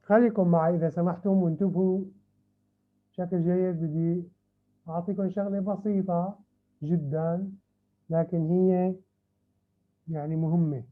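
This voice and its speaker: High-voiced teacher drilling English syllables. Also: male voice, steady tone. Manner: switches between Arabic and slow, drawn-out English, repeating words to drill them. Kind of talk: online class lesson. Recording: tinny phone-like audio.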